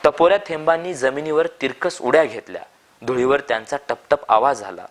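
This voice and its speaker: A man reading a short story aloud in calm, measured narration. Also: mid-range voice.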